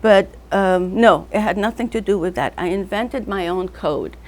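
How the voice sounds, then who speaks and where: At a normal speed and medium pitch, an older woman artist originally from North Africa looks back on her life in a casual interview. She wanders loosely from name to name and memory to memory, laughing often along the way.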